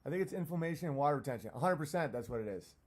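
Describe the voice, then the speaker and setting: Higher-voiced man ranting on a livestream. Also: lively intonation, rapid-fire. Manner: profane, self-deprecating. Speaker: live streamer. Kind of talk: casual livestream rant, answering chat comments.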